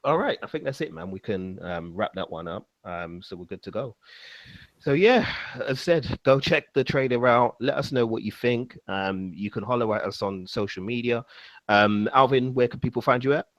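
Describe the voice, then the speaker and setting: A man's voice: mid-range voice, animated, moderate pace, fairly bright tone, dry recording, lo-fi sound. A man hosting a casual podcast chat, laid-back, with lots of ums and you-knows. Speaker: podcast host.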